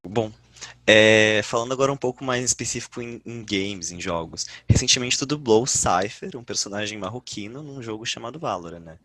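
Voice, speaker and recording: A man hosting a podcast, asking plain, steady interview questions. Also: fairly low pitch, fairly quick, no echo. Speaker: podcast host.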